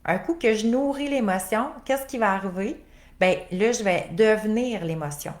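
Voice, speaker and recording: A woman's voice: medium pitch, normal speed. Québécois woman coaching in a roomy space. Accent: Québécois French. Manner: conversational, many fillers, rhetorical questions. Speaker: life coach. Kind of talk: live coaching talk to viewers. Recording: roomy echo.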